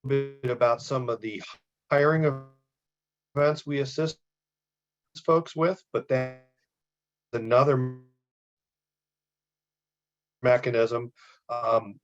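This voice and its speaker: A man's voice: medium pitch, steady tone, slow pace, pauses often. Man breaking up on a glitchy video call. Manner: hesitant, with many fillers and restarts. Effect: choppy audio breaking up on a glitching video call. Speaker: business outreach presenter for vocational rehabilitation. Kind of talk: webinar presentation. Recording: dull lo-fi video call audio.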